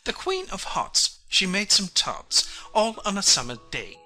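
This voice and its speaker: Shrill fussy storybook rabbit herald, super bright and swoopy, soft music behind. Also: male voice, huge pitch swings, a little slow, exaggerated voice. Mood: hasty announcing. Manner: shrill, hasty announcing. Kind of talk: dramatized audiobook narration.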